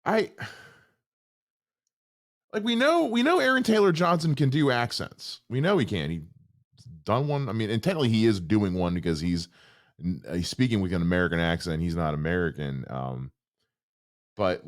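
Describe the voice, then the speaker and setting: A man hosting a trailer reaction show, ranting in exasperated, animated commentary. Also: sits low. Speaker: host.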